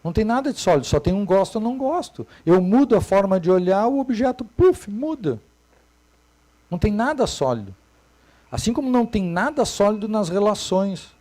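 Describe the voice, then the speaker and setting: A man, giving a Buddhist dharma talk as a meditation teacher, moving between soft and emphatic speech. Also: sits high, very animated, normal speed.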